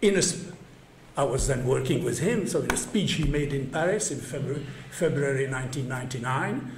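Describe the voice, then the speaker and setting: A man's voice: mid-range voice, expressive, a little fast. An older man giving an academic conference talk in a university room, hesitant with many fillers and wry chuckles. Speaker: conference speaker. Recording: echoey room, faint background hum.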